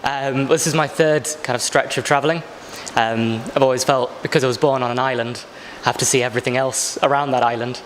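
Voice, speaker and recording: A man's voice: medium pitch, fairly even intonation, a little fast, hardly any pauses. A man in his twenties from England, explaining his travels in articulate, flowing sentences. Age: 20s. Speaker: backpacker interviewee. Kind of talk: casual interview answers. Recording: long reverb with faint background noise.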